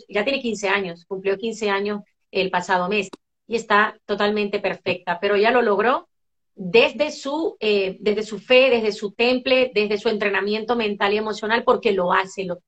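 A middle-aged woman from Venezuela with a Venezuelan accent, telling family stories as a guest in a casual interview, lively and full of fillers and restarts. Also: medium pitch, moderate pace. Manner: animated storyteller, many fillers and restarts.

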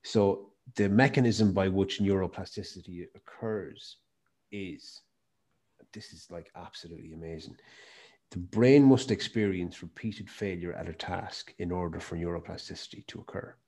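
Deep-voiced man with west of Ireland accent. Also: normal speed, a little mellow. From County Mayo, west of Ireland. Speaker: podcast guest, health and performance speaker. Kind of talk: conversational interview storytelling.

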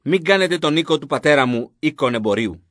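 A man reading the lines of Jesus, a calm and authoritative male teacher, in a measured, solemn scripted Bible reading. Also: on the high side, no echo, clean studio sound.

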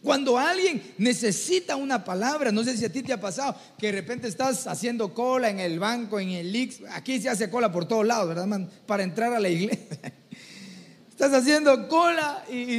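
A man preaching a sermon, telling stories animatedly and often calling listeners brother. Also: very high voice. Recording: long hall reverb.

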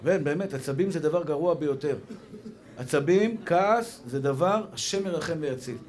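Lively, playful male rabbi preaching. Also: a little high, a faint crowd. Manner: lively, playful, acts out quoted people, shifts between loud and hushed. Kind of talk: sermon to a live audience.

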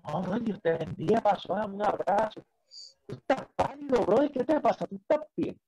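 A man voicing his pastor brother as a worried, insistent man, in a much higher voice than his own. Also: expressive, normal speed, dark tone, low-quality recording. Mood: alarmed, insistent. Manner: insistent, alarmed questioning.

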